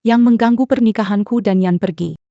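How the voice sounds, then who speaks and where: Actress as mellow, firm young bride. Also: female voice, medium pitch, fairly quick, no echo, lo-fi sound, natural voice. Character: composed young bride firmly warning off a rival. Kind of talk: dubbed melodrama acting.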